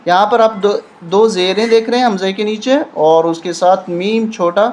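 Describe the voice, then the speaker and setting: A man's voice: sits high, steady tone, darkish tone. A man teaching a recitation lesson, patiently spelling out letters and rules one at a time. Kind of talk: step-by-step tajweed lesson.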